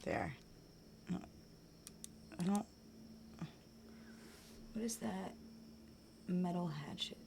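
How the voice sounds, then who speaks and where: A woman chatting casually while she plays a game, rambling on and trailing off into quiet mutters as she focuses. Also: on the low side, wildly swooping pitch, drawn-out words, creaky, pauses often, a little hiss or hum. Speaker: game streamer.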